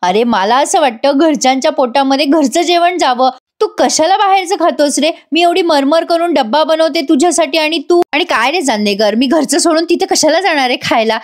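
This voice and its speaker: A woman's voice: high voice, fairly quick, hardly any pauses, voice pushed up, close to an everyday voice. A woman voicing a sassy young wife who teases her husband and dodges his questions in chatty, playful talk. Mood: teasing. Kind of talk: acted voice in an episode recap.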